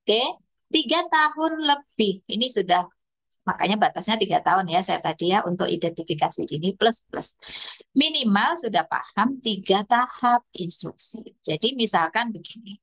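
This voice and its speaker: A woman's voice: medium pitch, lively intonation, moderate pace, a bit bright. Woman explaining child speech milestones. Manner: explanatory, imitates toddler speech and animal sounds. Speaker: speech therapist. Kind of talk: lecture to parents.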